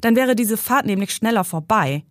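A woman's voice: mid-range voice, lively intonation, normal speed, dry recording, studio quality, voice pushed up, natural voice. A woman reading aloud from her novel, voicing a fussy, condescending young man who lectures the driver. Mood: smug. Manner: smooth, pedantic and condescending. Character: smug, fussy young man, know-it-all passenger.

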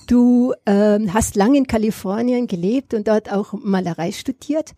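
A woman's voice: mid-range voice, measured pace, warm tone, no echo. A woman hosting an interview podcast, friendly and asking questions with occasional fillers. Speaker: podcast host. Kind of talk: casual interview.

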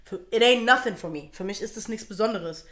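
A woman's voice: mid-range voice, a little fast, fairly bright tone. A woman from Germany in casual chat as a podcast co-host, blunt and crude, swearing freely.

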